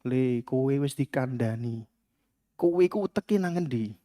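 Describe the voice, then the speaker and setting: A man voicing a Javanese parent who scolds a son quietly and gently, with cutting words. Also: medium pitch, animated, a little slow, pitched below the performer's own voice, lightly acted. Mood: softly scolding.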